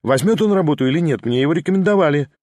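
An impulsive young woman, quick to blush and eager to talk, as a male reader puts her on for an audiobook. Her voice sits noticeably higher and keeps tumbling into excited exclamations. The recording is dry and close. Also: no echo, natural voice. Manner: excited, rushing, emotional exclamations. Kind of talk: audiobook character voice.

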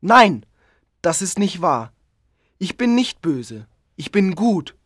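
An actor voicing a lonely, pleading creature in a storybook audio drama, speaking slowly and sorrowfully. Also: medium pitch, very animated, a bit bright, slightly rough, no echo, studio quality, full character voice. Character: lonely, pleading giant creature made by a scientist. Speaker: narrator of his own story.

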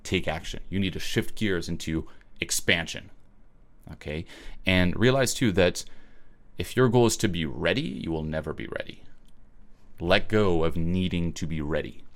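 A man from Switzerland gives a blunt, emphatic motivational webinar talk in a deep voice at normal speed. He swears freely and keeps checking in with "okay?".

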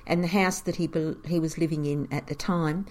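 Caretaker type: woman, lower voice, animated storyteller who chuckles often. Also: fairly quick. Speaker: caretaker of a historic cottage museum. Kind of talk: storytelling in an interview.

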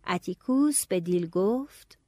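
Expressive woman narrating a story. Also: mid-range voice, no echo. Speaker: audiobook narrator. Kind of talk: first-person storybook narration.

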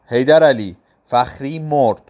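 A man's voice: mid-range voice, a little mellow, natural voice. A man voicing a cruel, domineering aging aristocrat who speaks in curt commands.

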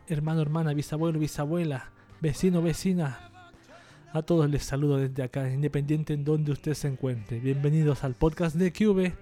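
Man, podcast host, fairly high voice, mellow tone, faint music behind. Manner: jokey, rambling, self-mocking. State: trying a lighter, less forced voice. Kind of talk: casual podcast monologue.

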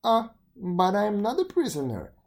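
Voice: medium pitch, wildly swooping pitch, unhurried, vocal fry, a little mellow, voice pushed up, full character voice. A reader voicing a carefree, teasing fly in a storybook reading. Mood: breezy.

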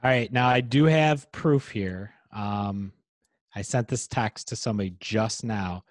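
A man's voice: fairly low pitch, measured pace, no echo, clean studio sound. A man co-hosting a podcast, teasing his friend in casual chat. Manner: teasing, playful. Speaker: podcast co-host.

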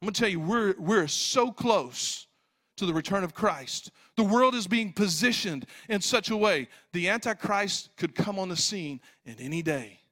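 High-voiced older man preaching a sermon. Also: lively intonation, normal speed. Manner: swings from loud pleading to hushed low asides; repeats words for emphasis. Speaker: pastor.

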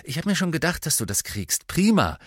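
A man doing a high, emphatic teenage girl. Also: big pitch swings, a little fast, husky, no echo, clean studio sound. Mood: earnest. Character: earnest teenage girl, sporty and frank.

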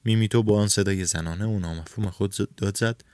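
Male narrator, deep register, dry close mic, reads a novel and voices its characters. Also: smooth, no echo. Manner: reads dialogue with raised pitch and shouts for characters. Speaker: audiobook narrator. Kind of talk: scripted narration with voiced dialogue.

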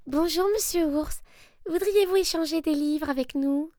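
A woman doing a squeaky polite little rabbit. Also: unhurried, warm tone, no echo, clean studio sound. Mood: eager polite. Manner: polite, eager requests. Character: polite little rabbit neighbour, eager and sweet. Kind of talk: storybook reading.

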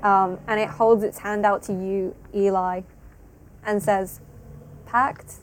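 A woman's voice: mid-range voice, flat delivery, slight background noise. Woman narrating a tabletop game. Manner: descriptive, halting with many fillers. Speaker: game master.

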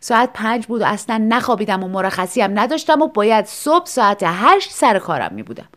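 A woman narrating a scripted story in an expressive, lively way. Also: medium pitch.

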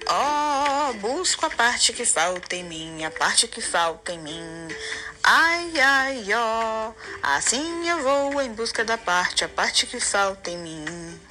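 A woman voicing an eager, wistful rolling creature from a storybook, in an expressive singsong manner. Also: fairly high pitch, takes it slowly, faint music behind, exaggerated voice. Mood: wistful singing. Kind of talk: storybook character voice.

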